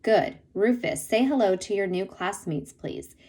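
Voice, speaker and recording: A woman voicing a brisk female schoolteacher giving polite instructions. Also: mid-range voice, lively intonation, a little mellow.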